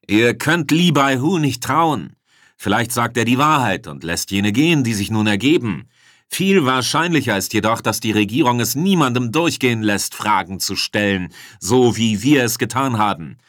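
A man voicing a desperate male rebel commander who shouts urgent commands to rally his troops in an audiobook. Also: medium pitch, expressive, moderate pace, no echo, studio quality, voice pushed up, natural voice. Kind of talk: audiobook character voice.

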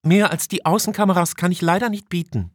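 A man puts on a brisk female communications officer on a starship, giving status reports. Her voice sits well above the reader's own low register and comes out a little louder, in a dry, close recording. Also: fairly even intonation, no room sound. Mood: reporting.

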